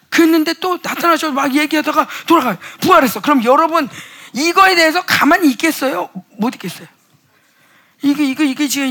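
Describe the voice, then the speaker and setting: A woman preaching at a church youth revival, swinging between hushed quoted voices and loud exclamations, acting out the people in her stories and leading the congregation to repeat after her. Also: sits high, gravelly. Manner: leads congregation in call and response. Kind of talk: animated sermon. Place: church sanctuary.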